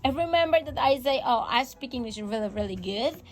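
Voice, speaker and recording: With faint music playing behind her, an English teacher whose first language is Spanish hosts a casual podcast for English learners. Her fairly high voice has lively intonation and runs a little fast, and she encourages listeners, repeats key phrases and makes small grammar slips.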